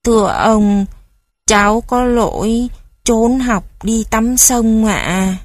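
Shy naughty little kid in a storybook, pleading and meek, a bit higher, a woman voicing him. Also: slow, no echo. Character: timid mischievous little boy.

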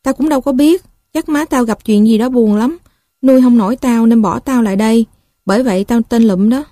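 Woman reading scrappy Southern street boy, boastful, bossy slang, slightly high, mellow. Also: brisk, dry recording, clean studio sound, lightly acted. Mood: matter-of-fact. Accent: Southern Vietnamese. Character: scrappy, boastful young male street kid.

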